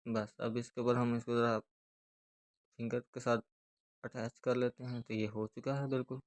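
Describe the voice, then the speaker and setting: A man with a Pakistani Urdu accent giving a hands-on speaker repair tutorial, explaining each step steadily as he works. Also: medium pitch. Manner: steady, repetitive explaining while working with hands.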